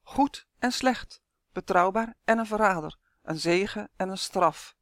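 A storyteller voicing a small, high-strung elf in duck form who buzzes his words, in a storybook reading. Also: unhurried, dry recording, studio quality, natural voice. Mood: excited. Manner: buzzing, wary, high-strung.

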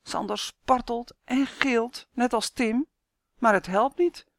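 A woman author reading her own children's story aloud in a clear, expressive storytelling manner. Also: fairly high pitch, slow pace, no echo, studio quality.

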